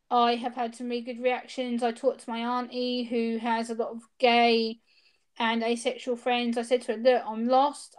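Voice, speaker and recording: A woman's voice: fairly high pitch, darkish tone. A woman speaking openly and earnestly as an interview guest, with hesitant restarts, over a video call. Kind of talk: candid personal interview.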